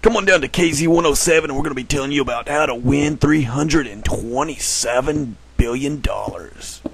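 A man's voice: a little fast, vocal fry, a bit bright. A man voicing a pushy, over-the-top male radio DJ reading a contest ad. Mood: hyped. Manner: booming, pushy ad-read delivery. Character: hyped male radio DJ, loud and salesy.

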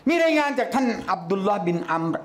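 A man teaching a religious lecture to a congregation, lively, calling out chanted phrases loudly. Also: sits high, fast, a little hiss or hum. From Thailand.

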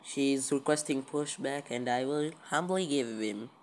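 Speaking in a mid-range voice without rushing, a female video creator offers laid-back commentary on her gameplay, frequently repeating herself. The clip is an amateur one, shot on a handheld phone pointed at a screen, with a little background noise.

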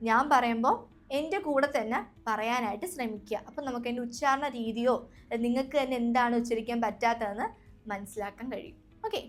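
A young Malayali woman gives a spoken English lesson, saying each sound, asking the listeners to repeat it, then saying it again. Her voice sits a little high. Faint music plays softly behind her. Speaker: English teacher.

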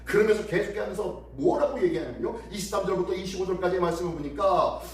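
A man's voice: high voice, fast talker, a little hiss or hum. A man, a pastor, preaching an early-morning sermon in an emphatic way and acting out quoted taunts. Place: church. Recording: echoey church hall, distant mic.

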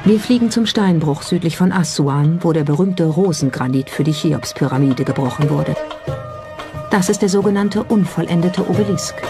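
A narrator reads a scripted documentary at medium pitch and normal speed, sounding pointed, skeptical, and rhetorical. Music plays in the background.

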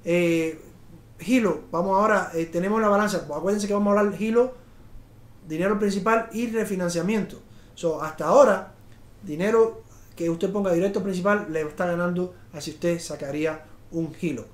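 Middle-aged male host, high voice, rambling upbeat salesman, echoey studio. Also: normal speed. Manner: rambling, restarts and fillers, upbeat sales pitch. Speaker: realtor and show host. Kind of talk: live video talk on home finance. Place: studio in front of a slide screen.

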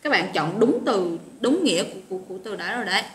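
Fast-talking and lively in intonation, a woman with a medium-pitched, fairly bright voice runs an online English vocabulary class. She's chatty and supportive, calling students by name, with a roomy echo and faint noise in the recording.

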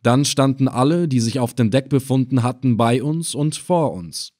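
A man reading an adventure story aloud in the first person, calm and measured. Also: mid-range voice, no room sound, clean studio sound. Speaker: audiobook narrator. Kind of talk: first-person audiobook narration.

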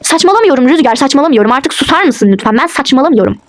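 A woman's voice: high voice, animated, very fast. Woman voicing a cold defiant wife. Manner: curt, dismissive retorts. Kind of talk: toy role-play voice acting.

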